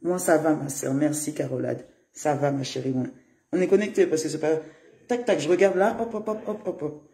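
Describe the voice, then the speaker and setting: Rambling high-voiced man live streaming. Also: moderate pace, gravelly, warm tone. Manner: rambling, chatty, laughs often, greets viewers. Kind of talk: casual live-stream monologue. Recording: roomy echo.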